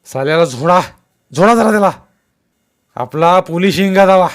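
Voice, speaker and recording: A man's voice: sits high, expressive, slow pace, pitched above the performer's own voice, exaggerated voice. A man doing a bellowing bully police constable. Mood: furious bullying. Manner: shouting, threatening, barking orders. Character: harsh bullying male village police constable. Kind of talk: storytelling read-aloud.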